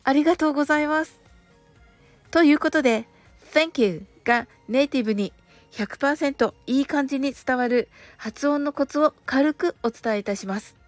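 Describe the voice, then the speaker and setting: A woman hosting a relaxed radio show, speaking politely and gently, slowing down for careful English phrases. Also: high voice, dry recording, faint music behind. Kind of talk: relaxed scripted radio talk with English lessons.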